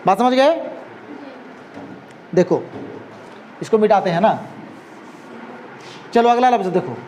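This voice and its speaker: Standing before his class, an Urdu teacher speaks slowly in a high, expressive, slightly mellow voice. He explains patiently during the lesson and keeps checking that students follow, with faint room noise behind him.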